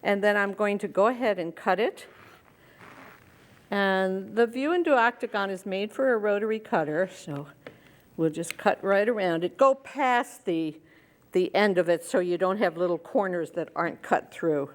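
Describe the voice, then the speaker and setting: A woman's voice: medium pitch, animated, moderate pace. An older woman hosting a quilting show, explaining each step as she works with her hands. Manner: friendly step-by-step explaining, talking while working. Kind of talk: hands-on sewing demonstration.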